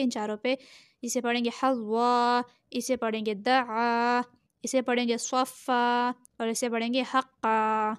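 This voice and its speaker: Slow high-pitched woman teaching recitation. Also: clean tone, no room sound, clean studio sound. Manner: spells each syllable then joins them. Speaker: Quran reading teacher. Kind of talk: slow spelled-out recitation lesson.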